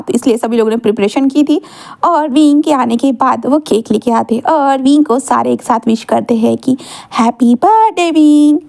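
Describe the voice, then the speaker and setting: Woman storyteller, chatty casual narration, high pitch, mellow tone, keeps checking in. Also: gravelly. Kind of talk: casual fan-fiction narration.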